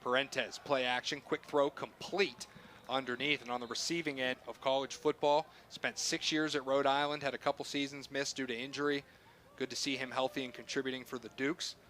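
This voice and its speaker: A male play-by-play announcer with a bright, forceful voice calls a football game live. He speaks in short phrases that track the action, with faint stadium noise behind him. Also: mid-range voice, flat delivery, fairly quick. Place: stadium broadcast booth.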